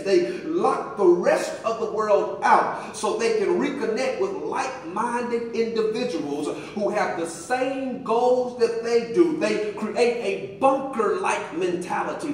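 Guy doing a preachy halftime pep speech, high pitched, punchy repeats, mic far off in a really echoey room. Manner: emphatic, rhythmic repetition with call-and-response. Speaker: motivational speaker. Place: carpeted hotel conference room, indoors. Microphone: phone camera a few meters away. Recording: very echoey room, distant microphone.

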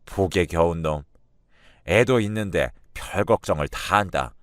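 A man's voice: deep voice, a little slow, no room sound, clean studio sound, voice pushed down. A man voicing blunt male friends who tease him in a mocking tone. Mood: teasing.

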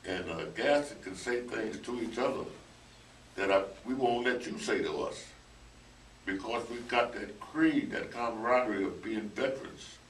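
A man's voice: mid-range voice, moderate pace. A male veteran on a radio roundtable, earnestly urging listeners to reach out. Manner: earnest, appealing directly to listeners. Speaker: veteran panelist. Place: small radio studio. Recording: roomy, distant camera audio with faint noise.

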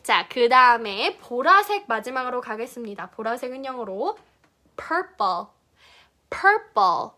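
A woman teaching English pronunciation to children, cheerful, drilling each word in slow drawn-out repeats. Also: high-pitched, bright, forceful tone.

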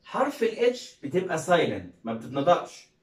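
A man with an Egyptian Arabic accent leads an English phonics lesson in a fairly high voice. He calls out each word loudly and coaxes learners to say it with him. He sits back from the mic in a roomy, echoing space. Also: big pitch swings, fairly quick, distant mic. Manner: repeats words loudly, coaxing viewers to say them along. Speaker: English teacher.

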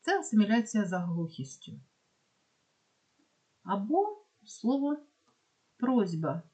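A woman with a Ukrainian accent, teaching a pronunciation lesson and slowly spelling out example words with care. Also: on the low side, lively intonation, a little mellow. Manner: slow, careful dictation of examples. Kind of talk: explaining phonetics lesson.

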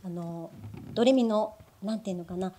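A woman speaks from a cinema stage as a voice actor guest, mid-pitched with a mellow tone. She talks in a thoughtful, measured way. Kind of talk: stage event remarks. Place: cinema stage before an audience.

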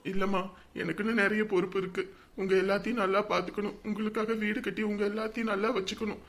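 An actor playing a dutiful young man who gently reassures his family before leaving for the army. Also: high-pitched, flat delivery, fast talker. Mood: reassuring. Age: young adult. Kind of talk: family drama acting.

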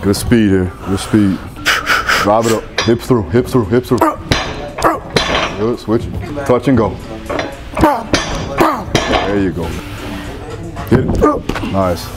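A man's voice: on the low side, a little slow, long pauses. A man in his thirties coaching a workout in a gym, calling out punchy, repetitive commands and encouragement. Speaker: strength coach. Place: large indoor gym. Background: music.

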